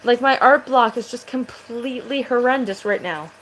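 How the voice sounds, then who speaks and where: A woman's voice: on the high side, normal speed, a bit bright, a little hiss or hum, poor audio. A woman vlogger chatting casually to camera, rambling and swearing, with a voice that sounds aggressive.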